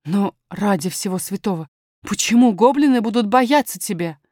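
A woman's voice: mid-range voice, animated, moderate pace, darkish tone, no echo, studio quality, natural voice. A woman reading a storybook, voicing a fretful nursemaid who fusses and complains. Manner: fussy, complaining. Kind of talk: audiobook character voice.

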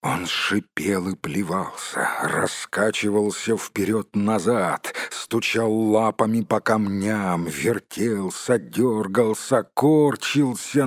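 Man narrating a storybook slowly. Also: fairly low pitch, dry recording, studio quality. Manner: expressive, dramatic reading. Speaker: audiobook narrator.

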